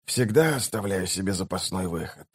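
A man voicing a dying male mage who speaks quietly, slowly and with a wheeze. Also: low-pitched, expressive, slightly rough, no echo, clean studio sound, voice pushed down, full character voice. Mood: weak, sly.

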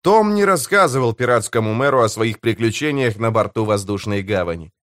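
A man's voice: lowish voice, animated, brisk, fairly bright tone, dry recording. Man reading an audiobook, dry sound. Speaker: audiobook narrator. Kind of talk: scripted narration.

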